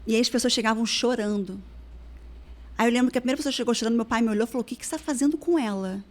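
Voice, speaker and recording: Woman from rio, talks super fast, kinda high voice, storytelling as a podcast guest. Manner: animated, acts out dialogue from her past. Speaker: guest, weight-loss therapist. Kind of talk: casual storytelling in a podcast interview.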